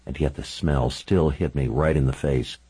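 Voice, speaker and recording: A man's voice: rumbling low, steady tone, moderate pace, warm tone, husky, poor audio. A man reading a first-person story aloud as an intense, dramatic narration.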